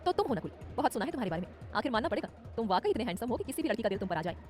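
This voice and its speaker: Lady doing a gushy young bestie, fast and light. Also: fairly high pitch, big pitch swings, a little mellow. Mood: admiring.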